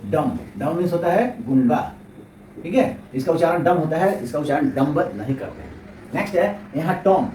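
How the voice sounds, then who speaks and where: An English teacher from India, his voice fairly high and mellow, explains a lesson by asking and answering his own questions and repeating each point. The recording has a roomy echo, a distant mic and faint noise.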